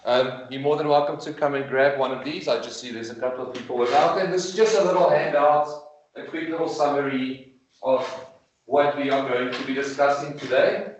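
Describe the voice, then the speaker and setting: A man's voice: medium pitch, steady tone, a little fast, lo-fi sound. A man giving an informal, explanatory presentation to parents at an information evening, speaking conversationally on a video call. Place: room with in-person attendees, streamed on a video call. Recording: echoey room, video call recording.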